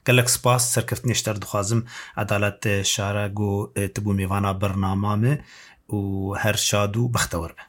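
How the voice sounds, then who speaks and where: A man hosting an interview, asking questions at length and murmuring along steadily. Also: lowish voice. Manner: steady, frequent short backchannel murmurs. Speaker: interview host.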